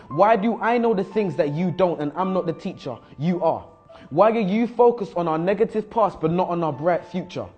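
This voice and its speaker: A man's voice: fairly high pitch, a little mellow, lightly acted. A young man playing a bold, frustrated school student who challenges a teacher in rhyming, insistent spoken-word verse. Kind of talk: spoken-word poetry monologue.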